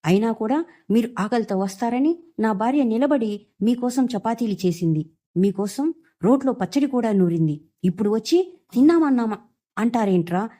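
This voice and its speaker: A woman's voice: fairly high pitch, lively intonation, normal speed. A woman voicing an angry young husband who scolds his family for wasting his wife's cooking. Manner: scolding, shouting.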